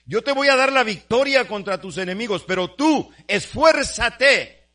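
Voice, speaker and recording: A man's voice: very high voice, animated, a little slow, sharp tone, pitched above the performer's own voice, heavily acted. A man preaching who voices God giving firm, repeated commands to rise and be brave. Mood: encouraging. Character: commanding God urging a leader onward.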